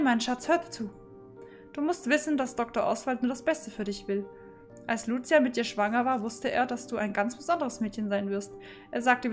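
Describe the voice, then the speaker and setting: A woman's voice: a little high, lightly acted. A woman voicing a scheming aunt who sounds falsely sweet, read in a coaxing, persuasive way.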